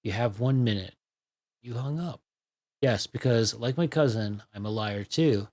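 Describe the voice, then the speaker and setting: A man voicing a gruff, pompous older man who talks bluntly and dismissively. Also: mid-range voice, a little slow, darkish tone, natural voice. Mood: curt hostile.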